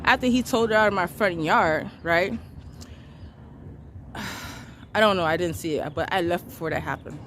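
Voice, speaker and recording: A woman talks straight to camera about being wronged, her delivery blunt, profane and unbending. Her voice sits low for a woman, and she hammers each point with emphasis. Faint background noise hangs under her words. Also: moderate pace, pauses often, fairly bright tone. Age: adult parent of three children. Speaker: vlogger recounting her arrest. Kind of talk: angry storytelling vent.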